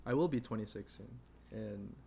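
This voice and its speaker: Rambling and laughing a lot, this twenty-something podcast co-host fills his casual chat with fillers. He speaks at a moderate pace in a fairly low, mellow voice with vocal fry, and there's a little hiss or hum.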